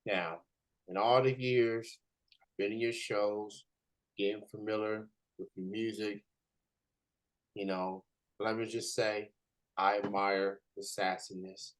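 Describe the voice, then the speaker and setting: A man with an American accent hosting a casual interview in a halting way, often repeating his words. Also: lowish voice, fairly even intonation, rough recording. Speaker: interviewer, host.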